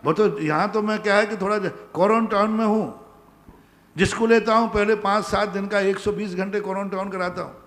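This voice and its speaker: Man, monk, sermon, high voice, emphatic repeated commands, reverberant large pandal. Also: fairly even intonation, moderate pace, fairly bright tone. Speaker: Jain monk giving a discourse. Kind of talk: sermon answering devotees' questions. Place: large pandal, nearly empty.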